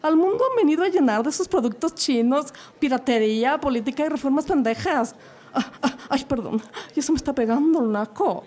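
In a comedic radio play, a woman with a Mexico City accent plays a snobbish, mocking young woman who drawls, drops English words and giggles as she talks. Her voice is high-pitched, animated, a little mellow and fairly quick.

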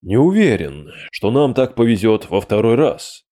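A man voicing a cautious male mage who speaks in a low, subdued and measured way. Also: big pitch swings, mellow, lightly acted. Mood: guarded.

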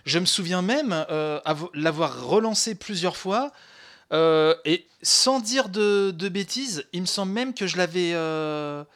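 A man co-hosting a podcast, chatting in a halting way with many restarts and fillers. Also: sits high, expressive, a bit bright. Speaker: podcast co-host. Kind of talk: casual chat about retro games.

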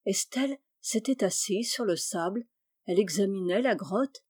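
A woman reading a classic story aloud in measured, descriptive narration. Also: medium pitch, a little mellow, slightly rough, no room sound, clean studio sound. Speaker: reader.

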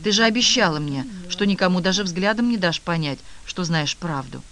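A man's voice: high voice, animated, fairly quick, a bit bright. A man reading the lines of an anxious, insistent female pediatrician who speaks urgently. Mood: worried.

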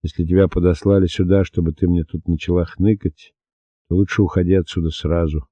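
A man's voice: deep voice, fairly even intonation, brisk, mellow, no echo. A man reading as a cold, bitter young prisoner. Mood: sour. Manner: sour, clipped. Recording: dull dry lo-fi recording.

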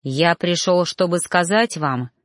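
A woman's voice: lowish voice, a little slow, no echo, clean studio sound, natural voice. A woman voicing an insistent young male reaper in love, growling and firm.

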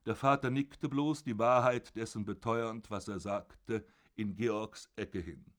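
A man calmly narrating a literary short story for an audiobook. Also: on the low side, slow. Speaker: audiobook reader.

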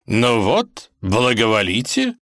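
A man's voice: mid-range voice, huge pitch swings, takes it slowly, a bit bright, no echo, clean studio sound, voice pushed up, exaggerated voice. A man voicing a jovial, boisterous older male kaiser who declaims rhymes.

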